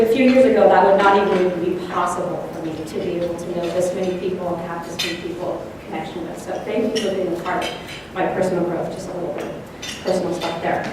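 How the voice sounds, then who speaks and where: A district officer addresses club presidents at a breakfast event in a large room, speaking enthusiastically and posing questions to the audience. Her voice is on the low side and fairly quick. The recording is noisy and echoey, with her voice coming from far off in the hall.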